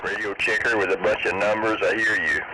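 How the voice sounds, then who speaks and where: A man's voice: fairly low pitch, fairly even intonation, a little fast. A man at a base station, chatting back in easygoing banter over a CB radio. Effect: heard over a CB radio. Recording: distant radio with loud static.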